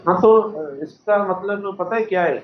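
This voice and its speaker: A man with a Sindhi accent teaching English grammar, patiently explaining and slowly repeating example sentences while quizzing his students. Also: high-pitched. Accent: Sindhi-accented Urdu. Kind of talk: classroom grammar lecture. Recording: echoey classroom, dull lo-fi recording with faint noise.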